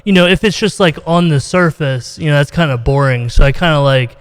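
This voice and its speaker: A slightly high, somewhat fast, smooth-voiced American man from Ohio hosts a casual interview over a video call, rambling informally and saying "you know" a lot. He's a podcast host and interviewer, speaking from an indoor, reverberant room. The audio sounds roomy, with a long reverb.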